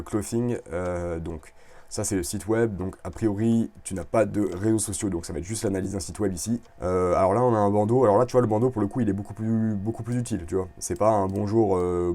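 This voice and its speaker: Man, low voice, mellow tone, casual screen review, chatty with fillers. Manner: chatty, relaxed, many fillers and restarts. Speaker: video creator reviewing clothing brands.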